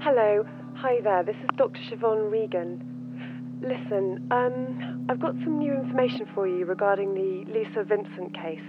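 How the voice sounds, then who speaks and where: Woman acting a brisk lady doctor leaving a msg, tinny phone sound, loud music over it. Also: mid-range voice, close to an everyday voice. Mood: businesslike. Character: businesslike female doctor leaving a message.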